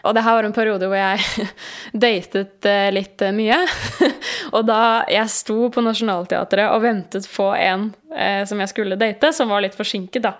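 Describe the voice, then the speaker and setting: A woman in her twenties telling a dating story in casual conversation, lively and laughing, with many fillers. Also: mid-range voice.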